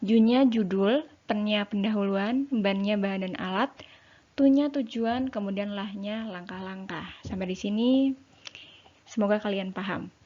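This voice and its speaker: A woman's voice: medium pitch, fairly even intonation, normal speed, darkish tone. A woman teacher, explaining a lesson to her students in a casual, chatty way, full of fillers and rhetorical questions. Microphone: home recording for an online lesson. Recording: slightly dull lo-fi sound.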